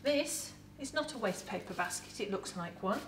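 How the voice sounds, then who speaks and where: A middle-aged woman with an English accent, a museum educator in costume, giving a lively, chatty talk to camera about food with props in an indoor set. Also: mid-range voice, moderate pace, slight background noise. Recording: roomy echo, voice from a distance.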